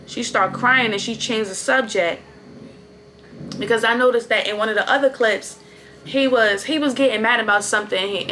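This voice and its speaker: A woman on a casual vlog rant, blunt and loose with her swearing, repeating herself as she goes. Her voice sits at a middling pitch, with a faint hum of ambience behind her. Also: bright, forceful tone. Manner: blunt, profane and repetitive. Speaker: reality-show recap vlogger.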